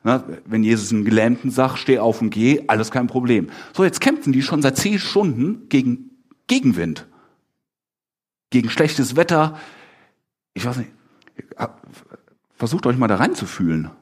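Male preacher. Slightly husky, very animated delivery. Talks to his congregation conversationally. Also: mid-range voice, moderate pace, pauses often. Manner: animated, asks the congregation questions, acts out the disciples' lines. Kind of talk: lively conversational sermon.

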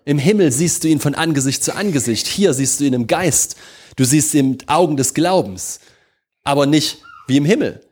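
A man preaching a sermon, swinging between slow, emphatic proclamation and soft, intimate prayer, often checking in with his congregation. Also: on the high side, animated, husky. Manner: addresses congregation with repeated questions.

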